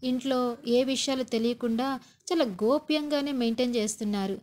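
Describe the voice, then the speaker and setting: A woman's voice: a little high, brisk, darkish tone. Woman retelling a TV serial. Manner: retelling, with frequent set phrases between quotes. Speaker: narrator. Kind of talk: TV serial episode recap.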